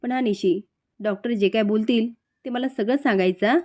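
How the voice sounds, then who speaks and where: A woman's voice: fairly high pitch, brisk, dark tone, lightly acted. A woman voicing a caring middle-aged mother-in-law who fusses with concern. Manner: fussing, concerned.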